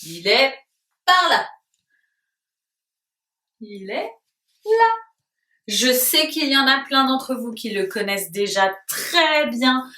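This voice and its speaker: A woman with a high, lively voice leads a lesson for little children, slow and sing-song. She asks simple questions and praises them. The sound is roomy, as if she stands a little away from the mic. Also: distant mic. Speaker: preschool teacher. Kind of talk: lesson for young children at home.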